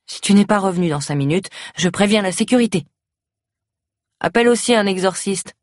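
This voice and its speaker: A woman's voice: mid-range voice, lively intonation, brisk, a little mellow, dry recording, clean studio sound, pitched above the performer's own voice, natural voice. A woman reading an audiobook, voicing a frightened young nurse who speaks in a trembling, whimpering way.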